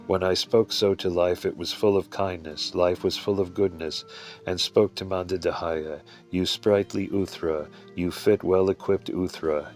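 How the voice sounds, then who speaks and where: A man reading an old religious text aloud in a measured way, sometimes halting and restarting a line. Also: low voice. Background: faint music.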